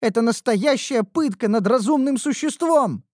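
A narrator voicing an excitable young female red elf, a smith's apprentice, who complains loudly and dramatically in an audiobook. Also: normal speed, dry recording, studio quality, close to an everyday voice. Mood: whiny. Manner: whiny and dramatic, loud high outbursts. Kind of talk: audiobook character voice.

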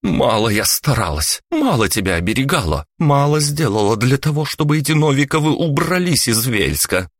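A man's voice: mid-range voice, big pitch swings, moderate pace, hardly any pauses, no echo, clean studio sound, pitched above the performer's own voice. A man reading an audiobook voices an imperious, domineering middle-aged countess who berates and commands. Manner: scornful, commanding.

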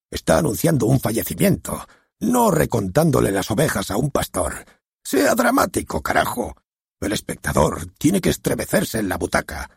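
A man voicing a loud, rude, eccentric theater director who barks and insults, with a nasal voice. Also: medium pitch, gravelly, breathy edge, dry recording, clean studio sound, voice pushed up, heavily acted. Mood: exasperated.

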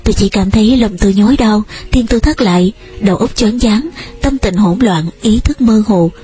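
A woman's voice: medium pitch, moderate pace, dark tone, soft background music. A woman narrating a romance novel in the first person, reading dramatically and with feeling. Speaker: audiobook narrator.

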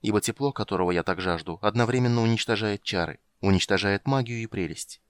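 A proud, sharp-tongued sorceress, as a man reads her out in an audiobook. Her voice sits low yet lifts with scorn, biting and haughty. The sound is dry and close. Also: quick pace, clear, resonant tone, no room sound, lightly acted. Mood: wistful. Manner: haughty, biting, then wistful. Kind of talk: audiobook character reading.

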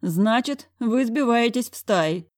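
A man's voice: extremely high pitch, expressive, slow, no room sound, studio quality, pitched above the performer's own voice, full character voice. Woman doing a melodramatic panicking school director. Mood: melodramatic despair. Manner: theatrical, whining, exclamatory.

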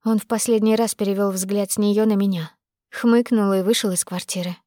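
A woman narrating a first-person novel as an audiobook. She keeps an intimate, brisk storytelling pace in a medium voice. The recording is dry and close. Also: medium pitch, steady tone, mellow, no echo.

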